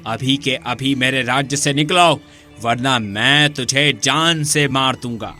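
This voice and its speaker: A storyteller voicing an arrogant, cruel king in an animated story, speaking in a harsh, commanding way. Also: mid-range voice, slow pace, faint music behind, pitched below the performer's own voice. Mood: arrogant, threatening. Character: arrogant cruel male king, middle-aged.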